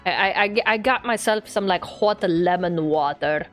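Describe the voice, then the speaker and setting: A woman streaming a game with casual, playful, rambling commentary. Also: lowish voice. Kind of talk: casual chat, gameplay commentary. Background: game music.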